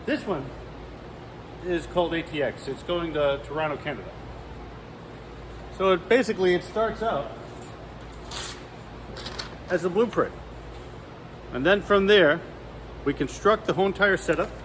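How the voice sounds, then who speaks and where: Guy reporting on location, kinda high voice, clear vehicle noise behind him. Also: measured pace, long pauses, a bit bright. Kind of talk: on-location presenting and interviewing.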